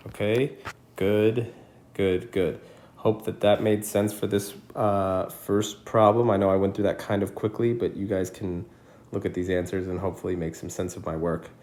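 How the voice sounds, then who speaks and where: A man teaching calculus in a casual screencast lesson, thinking out loud and checking in with his students, coughing now and then. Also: deep voice, a little hiss or hum. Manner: casual, thinks aloud with frequent "right?". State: coughing repeatedly. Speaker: math teacher. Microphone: screencast recording mic.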